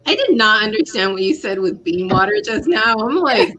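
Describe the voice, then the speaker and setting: A woman's voice: on the high side, big pitch swings, normal speed, a bit bright. A woman in casual chat with friends, recorded through a dull, lo-fi microphone.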